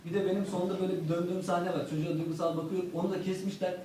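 Performing stand-up in front of an audience, a high-voiced man races through crude stories in a level tone, voicing each character himself and landing crude punchlines. It's recorded from a distance in an echoey hall with heavy background noise.

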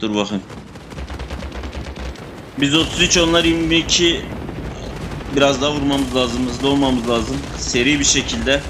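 A young man commenting casually on his shooter gameplay, excitable and swearing, talking to his teammates and enemies. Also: mid-range voice, a little slow, pauses often, background noise. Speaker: gamer playing a shooter. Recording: game gunfire under the voice. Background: gunfire and game sound effects.

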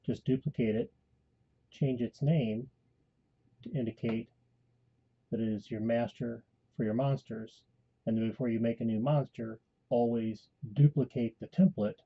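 A man calmly giving a step-by-step voice-over tutorial for a tabletop game tool. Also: medium pitch, husky, highs cut off. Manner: calm step-by-step instruction. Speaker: tutorial host and game master. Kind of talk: screen-recorded software tutorial.

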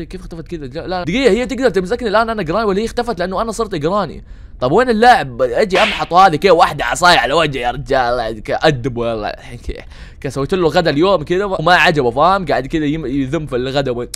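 Young male gaming host; very fast, slightly high, jokey and excitable. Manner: joking, teasing, excitable. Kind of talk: let's-play commentary.

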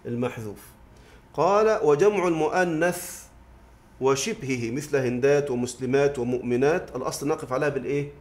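A man's voice: medium pitch, quick pace, darkish tone. A man teaching a grammar lesson in a mosque study circle, often asking the class a question and then answering it himself. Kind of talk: classroom lesson explaining verse.

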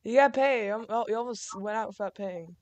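Speaking fairly quickly in a medium pitch, a woman hosts a gaming video on a dry recording. Her talk is casual gameplay chat, full of fillers and laughter, as she runs a game restaurant.

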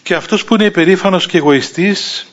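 A man in his sixties with a Cypriot Greek accent, an Orthodox bishop telling a story in a sermon and acting out the voices of the people in it. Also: sits high. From Cyprus. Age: 60s. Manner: lively anecdotal telling, acting out quoted voices, chuckling. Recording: dull lo-fi recording.

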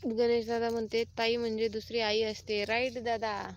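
A woman hosting a live stream, chatting casually, reading out viewer comments and teasing them with drawn-out repeated replies. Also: a little high, flat delivery, dull audio, a little hiss or hum. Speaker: livestream host.

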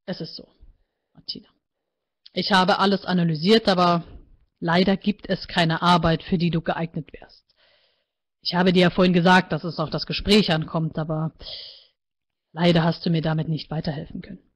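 A woman voicing a calm, coolly bureaucratic male AI life counselor in a book reading, speaking low and measured. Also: lo-fi sound, close to an everyday voice. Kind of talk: author reading aloud.

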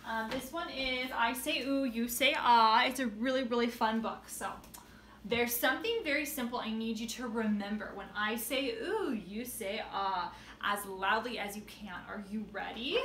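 A chatty young woman walks through a stack of children's books and reads lines aloud with playful energy. Her voice is bright and a little sharp, and a slightly high pitch sits in a roomy, echoing space. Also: moderate pace, slight background noise. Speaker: children's book seller. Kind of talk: casual book showcase. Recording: roomy echo.

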